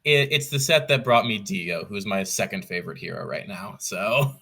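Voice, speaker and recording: Appearing as a podcast guest, a competitive card game player tells stories in a relaxed interview, explaining things with an enthusiast's attention to detail while restarting and correcting his phrases. His voice sits fairly low yet comes across bright and forward, with lively intonation and a normal pace.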